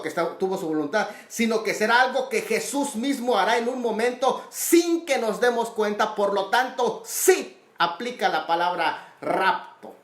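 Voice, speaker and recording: A man's voice: high-pitched, a bit bright. Methodical male theology teacher, roomy sound. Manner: methodical, explains terms step by step and stresses key points. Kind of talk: recorded Bible study lecture. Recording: roomy echo.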